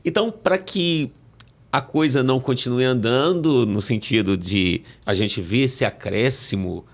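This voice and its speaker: Brazilian male host, gravelly mid-pitched voice, lots of agreeing and checking. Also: unhurried. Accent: Brazilian Portuguese. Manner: affirming, asks guests to confirm points. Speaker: podcast host. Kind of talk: podcast interview.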